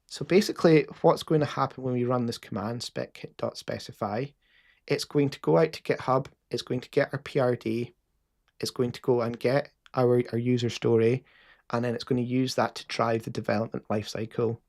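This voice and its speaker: A man's voice: mid-range voice, fairly even intonation, fairly quick, darkish tone. A man with a Scottish accent casually explaining a live coding session as host, with frequent fillers and restarts.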